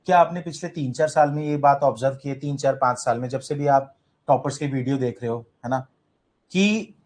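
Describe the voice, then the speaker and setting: A man's voice: fairly high pitch, darkish tone. A man with an Indian accent giving an orientation talk to exam students in a classroom, mixing Hindi and English and asking the class questions. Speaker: UPSC coaching teacher.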